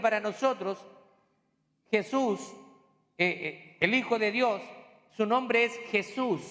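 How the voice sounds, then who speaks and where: A man's voice: high-pitched, pushed and bright, big-room sound. A man preaching a sermon as pastor, explaining in a teaching tone with rhetorical questions and homely asides.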